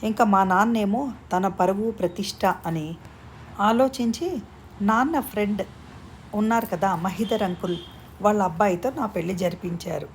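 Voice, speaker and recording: A woman's voice: medium pitch, moderate pace, slight background noise, natural voice. A woman reading the lines of a flustered young bride who scolds and teases her friend. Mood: rueful. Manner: teasing, scolding.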